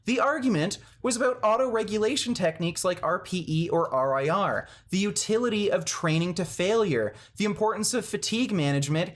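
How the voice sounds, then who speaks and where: A man speaking to camera in a blunt, combative commentary on a fitness dispute. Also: high-pitched. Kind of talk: casual commentary video.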